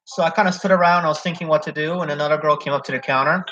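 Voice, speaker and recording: A young job applicant tells a story in casual chat, rambling at length about a job situation with lots of "like" and "so." His voice sits on the high side and is a bit bright, with fairly even intonation and rapid-fire delivery. The recording is dull and lo-fi, with a little hiss or hum.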